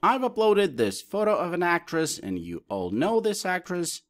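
A man presenting a software tutorial, explaining each option step by step as he clicks through it. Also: high voice, very animated, moderate pace. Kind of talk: screen-recorded tutorial walkthrough.

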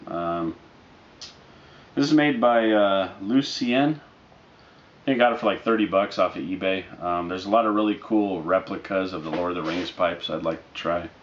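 Guy with a low voice doing a chill off the cuff review, bit of background noise. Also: moderate pace. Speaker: product reviewer. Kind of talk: casual review chat to camera. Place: living room, indoors, on a couch. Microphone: camera mic a short distance away. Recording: dull lo-fi audio with noticeable background noise.

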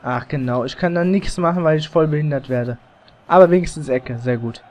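A gamer with a slightly high voice talks through his match in loose, casual bursts. He gets excited and groans or swears when plays go wrong. The mic is slightly overdriven at times. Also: a little fast. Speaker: let's play gamer. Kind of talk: casual live gameplay commentary. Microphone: headset or desk mic, slightly overdriven.

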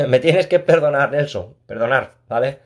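A man chats casually while streaming a mobile game. He reads his chat aloud, talks warmly to viewers, and laughs often. He is talking a room at home. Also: mid-range voice, expressive, measured pace.

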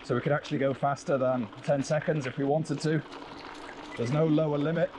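A product demonstrator shows off an action camera live on a wooded bike trail, speaking briskly in a fairly high, steady voice. Crowd noise, outdoor sounds and clicks are audible.

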